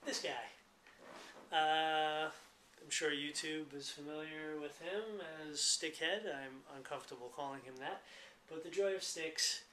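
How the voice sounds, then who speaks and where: A man's voice: on the high side, pushed and bright, roomy sound, a little hiss or hum. An American man in his thirties chatting casually to the camera in a rambling, talkative way. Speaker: vlogger.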